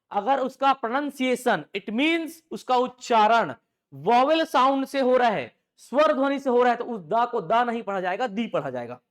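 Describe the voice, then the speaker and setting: A man teaches an English grammar class in a strikingly high voice. He quizzes the room and answers the questions himself. When he dictates, he slows right down and repeats each line for note-taking. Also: fairly bright tone. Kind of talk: classroom lecture.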